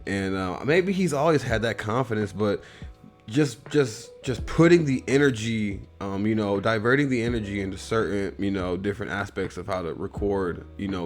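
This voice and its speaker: A man from the US Midwest with a Midwestern accent, hosting his own show and giving a loose, rambling, profane album review. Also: on the low side. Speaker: host.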